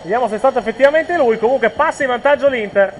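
A man doing excited, improvised live football goal commentary, raising his voice. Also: extremely high pitch, racing, slight background noise. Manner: excited, raised-voice goal calling.

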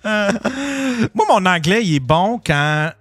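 A man's voice: high voice, sing-song, extremely slow, a bit bright, no echo, soft background music. A man with a Québécois French accent in casual chat, rambling and trailing off with fillers.

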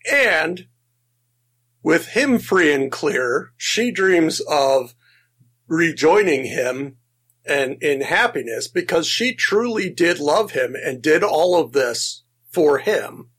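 A man's voice: fairly high pitch, expressive, takes it slowly, fairly bright tone, breathy edge. A man co-hosting a casual film podcast, enthusiastic, laughing often and restarting his sentences as he talks. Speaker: podcast co-host.

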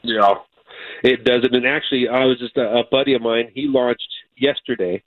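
A fishing guide calls in over a tinny phone line, his voice mid-pitched and plain. He talks easily and folksily, like he's chatting with a friend. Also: moderate pace, dry recording. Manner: relaxed, folksy. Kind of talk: casual phone-in chat.

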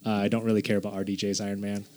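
A man chatting on a comedy podcast, excitable and swearing freely. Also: lowish voice, very fast. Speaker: podcast guest. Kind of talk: casual comedic chat.

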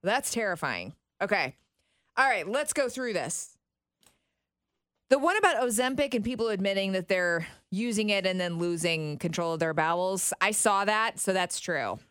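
A woman co-hosting a radio show in casual banter, quick with exclamations. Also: mid-range voice, animated, a bit bright, clear, resonant tone, no room sound, clean studio sound.

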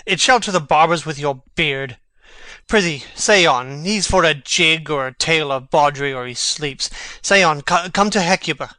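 A man playing a brooding, sharp-witted young prince, speaking verse theatrically. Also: a little high, moderate pace, no room sound. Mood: commanding. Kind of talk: reading a stage play.

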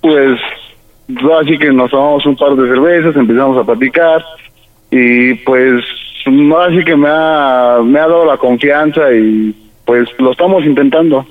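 A man's voice: medium pitch, a little slow, narrow, tinny audio. A man on a radio prank call, hesitant and stammering as he pleads to be accepted. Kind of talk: prank call, playing a nervous son. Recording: radio broadcast with music behind.

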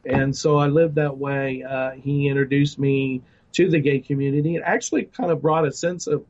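A man's voice: medium pitch, steady tone, moderate pace, darkish tone. A middle-aged man giving his personal testimony in an interview, earnest, with many restarts and fillers. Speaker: guest ministry director. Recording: dull lo-fi sound.

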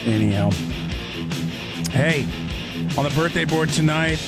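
A male radio talk show host chatting casually, with sarcastic, quick asides. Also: on the high side, over loud music. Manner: sarcastic, conversational, rapid asides.

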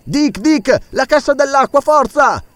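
A man's voice: medium pitch, big pitch swings, measured pace, no echo. A man reading an audiobook, voicing a bold doctor who leads a balloon expedition and gives orders. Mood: urgent. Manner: urgent, commanding shouts.

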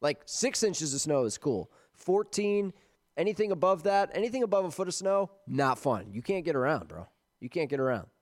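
A man co-hosting a podcast, relaxed and chatty in casual banter. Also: a little high, moderate pace, dry recording, studio quality. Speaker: podcast co-host. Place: lives in Winston-Salem area.

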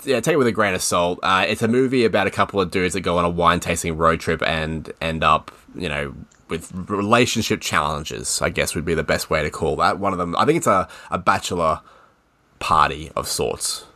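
A man's voice: sits low, a little fast, sharp tone. A man co-hosting a podcast, chatting casually and explaining at length, laughing often. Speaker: podcast co-host. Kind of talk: casual chat.

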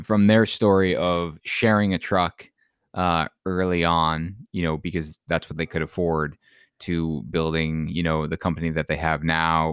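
A male podcast co-host in casual banter, joking and quick to riff on ideas. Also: deep voice, a bit bright, clean tone, no room sound, studio quality.

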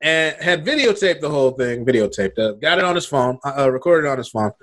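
A man's voice: fairly high pitch, animated, fast talker, fairly bright tone. A man co-hosting a casual podcast over a video call, talking in a wry, profane, sarcastic way. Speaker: podcast co-host.

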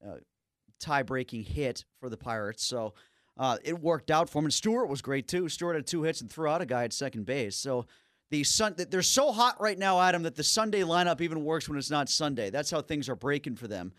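A man's voice: a little high, expressive, fairly quick, fairly bright tone, no echo, studio quality. A man appearing as a guest on a sports radio show, teasing and wry in casual chat. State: out of breath. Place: radio studio.

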